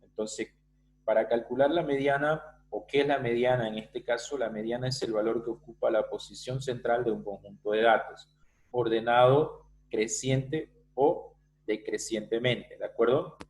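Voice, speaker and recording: A man's voice: medium pitch, fairly even intonation, normal speed, slight background noise, low-quality recording. Man teaching a math class online. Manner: explains step by step, often checking with students. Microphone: video call.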